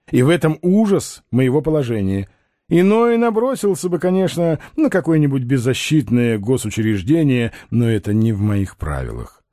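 Here a man performs a confident, grandly eloquent con man dripping with irony. His mid-range voice is mellow and warm, rising and falling broadly, captured dry and close without any echo.

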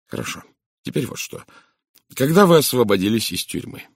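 A man reading an audiobook voicing a shrewd, precise detective who speaks soft and measured. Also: medium pitch, huge pitch swings, vocal fry, slightly rough, dry recording, studio quality, heavily acted. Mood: probing. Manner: soft, measured, hushed and knowing.

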